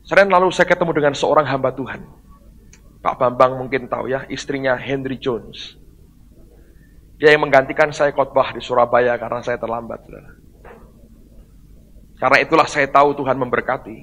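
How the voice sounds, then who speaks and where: A male pastor, telling a story in a sermon to his congregation and calling out loudly as he retells it. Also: medium pitch, steady tone, normal speed, pauses often, poor audio. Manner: storytelling, addresses the congregation as "saudara"; bursts into loud exclamations when retelling the service. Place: church hall.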